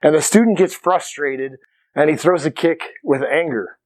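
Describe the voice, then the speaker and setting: A man's voice: fairly high pitch, normal speed, a little mellow. A man teaching self-defense to camera in a casual but emphatic way, often checking in with "okay". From Irish. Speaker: martial arts instructor. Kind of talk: instructional talk to camera.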